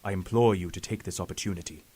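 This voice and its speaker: A man playing a grave, persuasive professor in an audio drama, measured, formal and earnest. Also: deep voice, steady tone, warm tone, breathy edge. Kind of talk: scripted audio drama acting.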